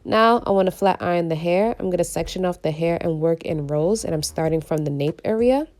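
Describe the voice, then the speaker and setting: Low raspy gravelly lady doing a beauty tutorial voiceover, getting over a cold, music behind her. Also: fairly quick, darkish tone. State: recovering from a cold. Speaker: beauty vlogger.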